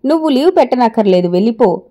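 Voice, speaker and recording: A woman's voice: a little high, expressive, fast talker, mellow, natural voice. A woman voicing a frail, self-effacing elderly father in an audio story, speaking weakly and tiredly. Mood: weary, gentle. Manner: weak, tired delivery.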